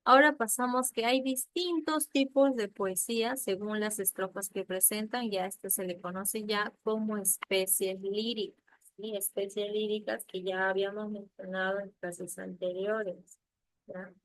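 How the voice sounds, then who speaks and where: A woman's voice: mid-range voice, steady tone, measured pace, dry recording, rough recording. A woman teaching a literature lesson, explaining patiently with examples and often checking in with a questioning "ya?".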